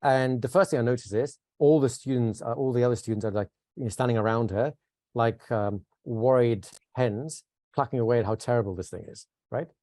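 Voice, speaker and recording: A man leads a workshop in a relaxed, conversational way, often checking in with his students with questions. He has a mid-range voice and sometimes drops into a slow, calm, soothing tone to show how it is done. The sound is dry and close, with no room echo. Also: medium pitch. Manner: conversational, asks the class questions, models calm soothing speech. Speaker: instructor. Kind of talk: teaching a live workshop.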